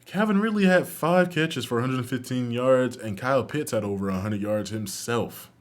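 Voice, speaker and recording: A man doing excitable play-by-play commentary over a football video game, calling each play like a sportscaster. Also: mid-range voice, moderate pace. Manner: excitable, calls plays like a sportscaster. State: out of breath at the end. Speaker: YouTube gaming host.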